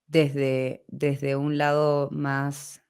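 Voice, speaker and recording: Hesitant young woman, low voice. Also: monotone, very slow, darkish tone, clear, resonant tone. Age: young adult. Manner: hesitant, searching for words, frequent tag questions. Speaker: podcast co-host, art teacher. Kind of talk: casual conversation.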